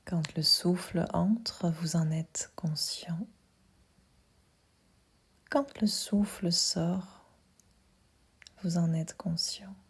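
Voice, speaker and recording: A yoga nidra guide leads a sleep meditation in a soft, half-whispered voice that is fairly low and husky. She stays calm and soothing, leaving pauses between her instructions.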